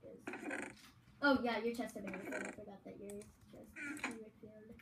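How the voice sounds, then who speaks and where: A woman giving casual, rambling commentary on a friend's game, chatty and easily excited. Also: medium pitch, a little fast, echoey room, background noise.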